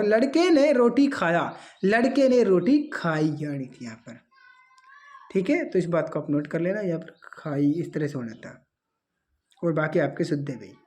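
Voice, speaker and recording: A woman teaching an exam-prep grammar lesson, reading out answer options and then correcting them. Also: on the high side.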